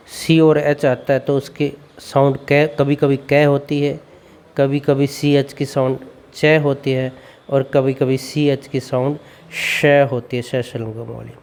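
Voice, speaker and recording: Male teacher, very slow pace, word-by-word phonics drill. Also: fairly high pitch, a little mellow. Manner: reads word lists one by one, repeats questions for the learner. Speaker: English pronunciation teacher.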